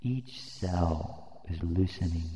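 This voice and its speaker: Man, very low mellow voice, soothing hypnosis narration, reverberant lo-fi recording. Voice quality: soft, soothing, drawn-out phrasing. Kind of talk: slow guided hypnosis induction. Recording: roomy, long reverb, dull lo-fi sound.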